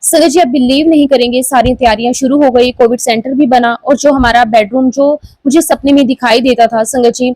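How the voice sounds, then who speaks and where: A woman's voice: sits high, fairly even intonation, fairly quick, hardly any pauses, darkish tone, no echo, rough recording. A woman in her forties sharing a heartfelt devotional testimony, telling her story earnestly to the listeners. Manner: earnest storytelling, often addressing listeners as "sangat ji".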